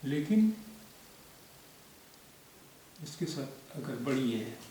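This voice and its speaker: A man gives a spoken language lesson, patient and methodical, repeating sounds and examples so learners can follow. His voice sits at an ordinary middle pitch and comes from some distance off the mic. The room rings with a strong echo, and a faint hiss runs underneath. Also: very animated, normal speed, mellow. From India. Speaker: Urdu teacher.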